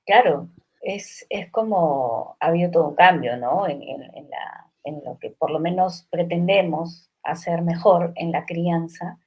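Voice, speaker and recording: A middle-aged woman co-hosting a podcast, a psychologist talking in a relaxed, reflective way, often pausing with fillers and asking "right?". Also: fairly low pitch, husky, dull audio. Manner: reflective, many fillers and tag questions. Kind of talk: casual conversation.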